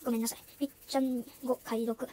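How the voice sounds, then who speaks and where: A woman hosting her own channel, giving a casual app tutorial with lots of fillers and quiet asides. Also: on the high side, flat delivery, fast talker, slight background noise. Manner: chatty, many fillers, drops into soft asides. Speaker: YouTube channel host.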